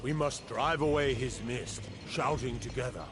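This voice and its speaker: An actor playing a stern warrior spirit in a video game, declaiming in archaic phrases. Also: male voice, medium pitch, normal speed, background noise, close to an everyday voice. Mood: rousing. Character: stern male warrior spirit of a heroic hall. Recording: game audio under loud music.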